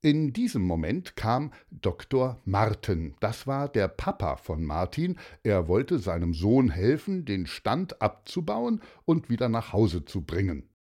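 A man reading a children's story aloud, lingering over each sentence at a slow pace. His pitch moves in lively, animated curves, giving the telling an expressive lift. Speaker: narrator.

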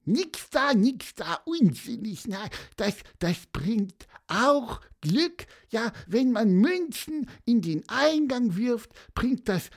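A woman voicing a chatty, know-it-all little bird in a children's audio story, lively and talkative. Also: a little high, takes it slowly, hardly any pauses, full character voice. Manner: lively, talkative, fond of "ja, ja" and "mein Lieber".

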